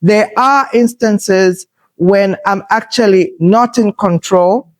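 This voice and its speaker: A podcast host in her fifties speaks in a mid-range voice that's loud and assertive, yet she moves slowly and deliberately. Her conversational talk is thoughtful and reflective, broken up by frequent pauses.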